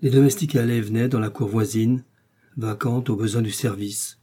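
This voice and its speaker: A man narrating a classic novel in a measured, even reading voice. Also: fairly low pitch, breathy edge. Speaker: audiobook reader. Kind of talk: literary audiobook narration.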